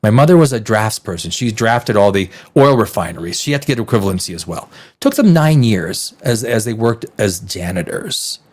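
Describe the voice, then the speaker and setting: Fairly low in pitch, a little mellow and with a breathy edge, this man's voice carries a North American accent. He's in his fifties, a Czech-born Canadian hosting a casual, unscripted livestream where he talks emphatically, curses and often repeats phrases.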